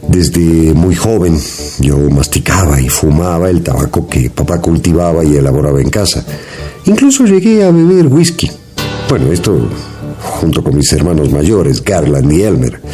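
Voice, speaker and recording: A man's voice: a bass voice, very animated, moderate pace, mellow. An actor playing a grown son recalling his mountain childhood in a folksy, reminiscing dramatized narration. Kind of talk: dramatized first-person narration. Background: guitar music.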